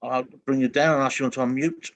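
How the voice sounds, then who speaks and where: A man's voice: mid-range voice, fairly even intonation. Friendly male webinar co-host. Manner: friendly, brisk, introducing callers. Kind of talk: casual moderating.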